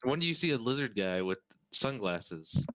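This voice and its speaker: A man's voice: medium pitch, very animated, moderate pace, a bit bright. Playful male tabletop player. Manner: playful, jokey, laughs often. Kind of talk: casual tabletop role-play.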